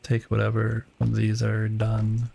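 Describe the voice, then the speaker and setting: Laid-back gravelly guy on a game stream, musing to chat, noisy mic. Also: lowish voice, measured pace. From United States. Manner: relaxed, musing aloud while building.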